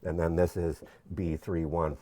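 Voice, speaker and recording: A man's voice: low-pitched, flat delivery, unhurried, mellow. A young man explaining his PhD research in an informal whiteboard lecture, chatty and jokey, often restarting his sentences. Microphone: camera mic.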